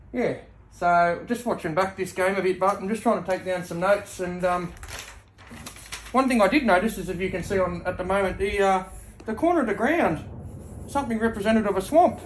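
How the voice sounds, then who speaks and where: Man playing a cheeky, deadpan football coach. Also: high voice, moderate pace, long pauses, a little hiss or hum, close to an everyday voice. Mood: defensive, cheeky. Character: cheeky, brazenly corrupt male Swansea football coach. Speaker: interviewee. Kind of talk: mock sports interview.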